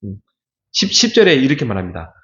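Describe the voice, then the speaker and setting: A man's voice: mid-range voice, huge pitch swings, fast, a bit bright. A man pastor giving a conversational Bible sermon, now and then acting out the voices of people he quotes. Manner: conversational, acts out quoted complaints. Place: church sanctuary. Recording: roomy, slightly dull church recording.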